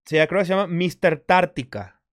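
A man co-hosts a relaxed live podcast in a slightly higher-than-average voice. He tells stories loosely, restarting and letting sentences trail away. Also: fairly quick. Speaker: podcast co-host. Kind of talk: casual live podcast chat.

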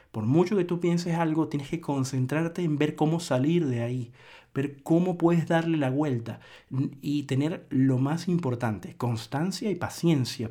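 A man's voice: medium pitch, mellow. A man hosting a solo podcast, lecturing earnestly in a reflective monologue with frequent restarts. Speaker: podcast host.

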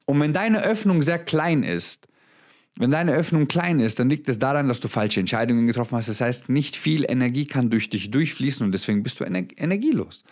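A man's voice: mid-range voice, animated, fairly quick, darkish tone. A young man giving a blunt motivational monologue straight to the listener, swearing freely and mixing English words into his German. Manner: emphatic, addresses listener directly. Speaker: motivational speaker.

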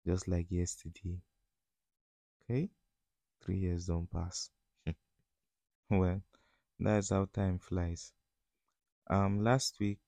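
A man's voice: deep voice, creaky, dark tone, dry recording. A man with a Nigerian accent chats casually as a solo podcast host, in informal, slangy speech that often slips into Pidgin.

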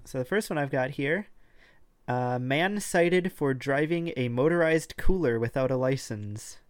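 A man's voice: medium pitch, lively intonation, measured pace, dry recording. A man co-hosting a casual online chat show, talking loosely with many fillers and restarts. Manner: hedging, lots of "like" and restarts. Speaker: podcast co-host. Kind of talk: casual chat over voice call.

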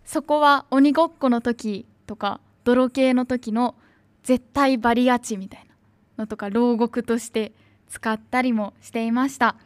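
A woman's voice: a little high, fairly even intonation, a little slow, no room sound. A young woman, an announcing student, rambling nostalgically in casual free talk. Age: young adult.

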